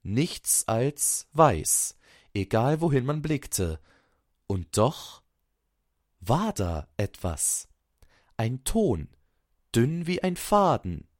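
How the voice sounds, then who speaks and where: A man reading a fairy-tale story aloud in a calm, soft-spoken way. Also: medium pitch, extremely slow, pauses often, dry recording, studio quality. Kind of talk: scripted storybook narration.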